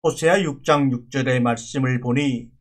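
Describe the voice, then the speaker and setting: A man's voice: medium pitch, normal speed. A male pastor preaching a sermon, explaining scripture word by word in an earnest, teaching manner and often repeating himself. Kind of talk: sermon on biblical words.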